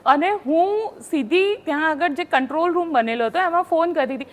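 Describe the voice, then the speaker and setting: A woman journalist recounting field-reporting stories in a casual panel chat, animated and acting out quotes. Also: very high-pitched, moderate pace. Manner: animated storyteller, acts out quotes.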